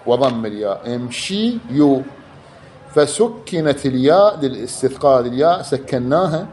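A man's voice: mid-range voice, normal speed, darkish tone, a little hiss or hum. A man teaching a class, explaining step by step, repeating key words and drawing out examples. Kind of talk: explanatory lecture.

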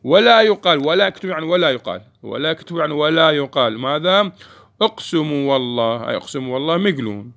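A man's voice: on the high side, expressive, fast talker, a bit bright. A man teaching a grammar lesson, explaining step by step and answering his own questions to the class.

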